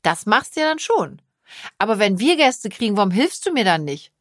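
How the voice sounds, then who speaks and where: A woman's voice: mid-range voice, sing-song, moderate pace, no echo, studio quality. A middle-aged woman, a mother, chatting casually with her daughter and teasing her with frequent laughs. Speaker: mother and podcast co-host. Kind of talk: casual family chat.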